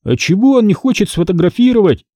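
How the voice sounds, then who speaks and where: A clowning teenage boy whines and jokes around in a playful way, as a male narrator puts him on. The voice is raised high and very lively in pitch. It has a dark, husky tone and a dry, close sound. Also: fast talker, dry recording. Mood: whiny. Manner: whining, playful. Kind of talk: audiobook character voice.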